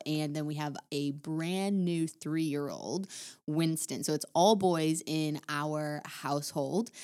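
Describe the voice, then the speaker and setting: A woman in her thirties, a pastor co-hosting a podcast, speaking in a warm, thoughtful way and often searching for words. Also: low-pitched, clear, resonant tone. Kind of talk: casual conversation.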